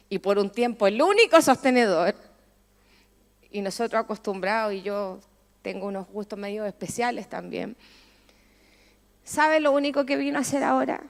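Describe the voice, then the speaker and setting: High-voiced Chilean woman preaching. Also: in a large hall. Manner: emotional storytelling, asks the congregation questions. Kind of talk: sermon testimony.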